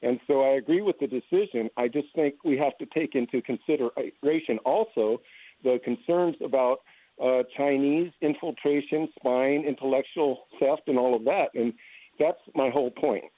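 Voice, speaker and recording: A man's voice: medium pitch, dry recording. Hesitant male caller on tinny phone line. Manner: measured, hesitant with fillers. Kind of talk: call-in talk. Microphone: telephone.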